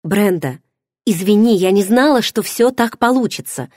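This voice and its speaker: A woman's voice: mid-range voice, lively intonation, normal speed, a little mellow, no echo, clean studio sound, pitched above the performer's own voice, close to an everyday voice. A woman voicing a guarded young heroine who replies with hesitant, restrained answers.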